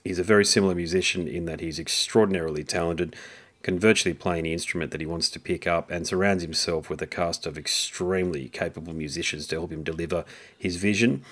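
Man, deep voice, podcast host, spoken introduction. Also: steady tone, quick pace, a bit bright.

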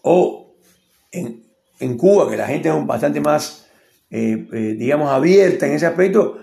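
A man's voice: on the high side, animated, unhurried, gravelly, dark tone. A man with a Rioplatense accent giving a rambling, opinionated casual monologue and acting out quotes. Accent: Rioplatense Spanish. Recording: echoey room.

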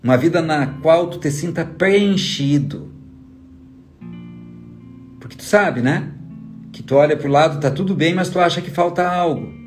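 A high-pitched man, speaking with emphasis and firing rhetorical questions straight at the listener. He delivers a motivational talk as a trainer. A soft guitar plays faintly behind him. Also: unhurried, pauses often. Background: faint guitar music.

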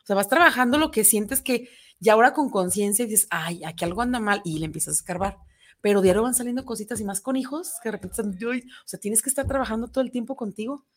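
A woman who is a parent, telling stories in a lively, chatty way with an easy laugh. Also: fairly high pitch, quick pace. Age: adult parent. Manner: chatty, animated storytelling with laughs. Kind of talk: casual chat.

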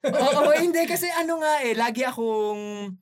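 A man's voice: very high voice, expressive, normal speed, noisy background. A man who grew up in Italy chatting casually as a podcast co-host and laughing often. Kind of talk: casual chat.

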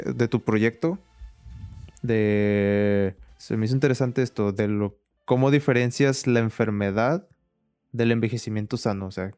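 A young man hosting an interview, relaxed and thinking aloud as he asks questions. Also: medium pitch, smooth. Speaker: interviewer, host. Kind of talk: casual interview chat.

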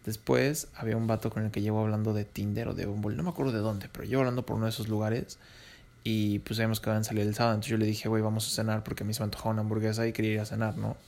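Young Mexican man, low gravelly voice, slangy rambling storyteller, casual vlog chat. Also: flat delivery, racing, a little mellow. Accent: Mexican Spanish. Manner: slangy, rambling, laughs between lines.

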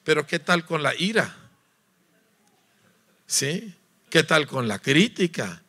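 Male preacher, lively sermon delivery, bright, forceful voice pitched a little high. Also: takes it slowly. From Mexico. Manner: animated, acts out voices, sings notes, asks listeners "¿verdad?".

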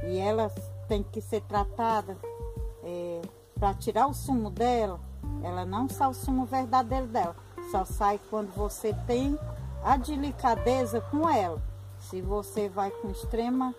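Slow, halting Brazilian woman explaining remedies. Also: medium pitch, poor audio. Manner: halting, repetitive, plain-spoken. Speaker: folk healer showing medicinal plants. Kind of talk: unscripted explanation.

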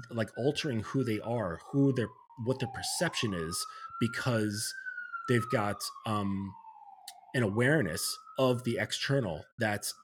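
Over slight background noise, a medium-pitched man speaks as a guest on a podcast. He's a men's coach, and his reflective points come with frequent check-ins with the listener.

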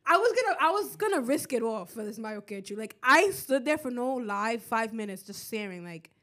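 A young woman co-hosts a podcast in casual, slangy chat with a high voice. She laughs often while telling stories and swears freely. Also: lively intonation, normal speed, fairly bright tone. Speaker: podcast co-host.

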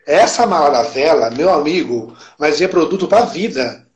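Brazilian man, slightly high voice, eager podcast guest, emphatic storyteller. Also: moderate pace. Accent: Brazilian Portuguese. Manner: excited, emphatic storytelling with quoted dialogue. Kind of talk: casual chat.

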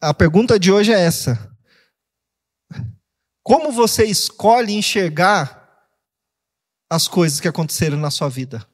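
High, animated Brazilian preacher in a reverberant hall. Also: male voice, a little slow, long pauses. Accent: Brazilian Portuguese. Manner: animated preaching, acts out quoted voices and jokes. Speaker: pastor. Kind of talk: sermon.

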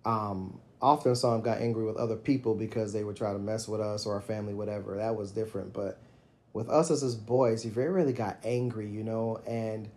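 A middle-aged man in casual conversation, reflecting on fatherhood and telling stories, getting animated when he quotes himself. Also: on the low side, fairly quick. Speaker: podcast co-host.

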